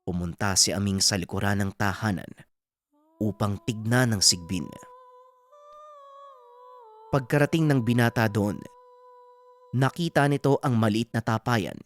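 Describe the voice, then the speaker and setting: A woman narrating a folk horror story in a steady, plain storytelling manner. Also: a bass voice, measured pace, pauses often.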